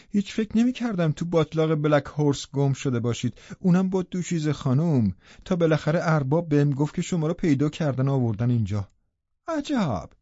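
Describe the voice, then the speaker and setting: A man's voice: fairly high pitch, warm tone, no room sound, lo-fi sound, pitched above the performer's own voice. A man reading an audiobook voices a gossipy, nosy middle-aged woman servant who keeps firing questions. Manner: prying, breathless questioning. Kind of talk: audiobook character voice.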